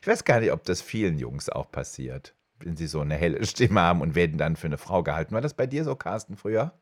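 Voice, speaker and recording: Middle-aged male podcast host, low voice with a lively pitch range, chatty storyteller, dry close recording. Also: fast talker, no echo. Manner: animated, jumps high when quoting others. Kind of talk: casual storytelling chat. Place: home studio.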